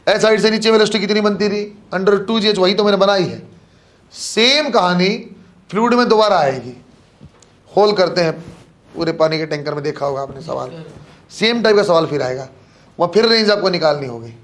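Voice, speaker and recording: Male physics teacher with a high-pitched voice, lecturing a class, fond terms for students, poses his own questions. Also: normal speed, a bit bright. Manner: addresses students as beta and bachhon, asks and answers his own questions.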